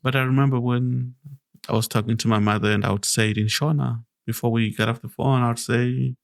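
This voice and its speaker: Gravelly-voiced man, slow earnest musing. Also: mid-range voice, steady tone. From Zimbabwe. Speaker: podcast host. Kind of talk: reflective podcast talk.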